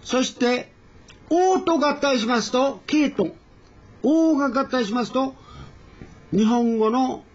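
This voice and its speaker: Slow, husky male Korean teacher. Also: very high voice. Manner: slow, drawn-out demonstration of vowel sounds. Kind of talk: recorded language lesson. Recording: dull lo-fi recording.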